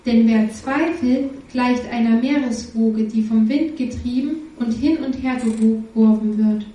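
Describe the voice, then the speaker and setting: A woman's voice: fairly high pitch, unhurried, dark tone. A woman interpreting a sermon into German, steadily repeating each line after the preacher. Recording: echoey hall, distant mic.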